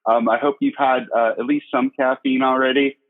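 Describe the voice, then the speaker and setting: A man hosting a podcast interview, friendly and quick to laugh, on a casual call. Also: medium pitch, flat delivery. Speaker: podcast host. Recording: tinny phone-like line.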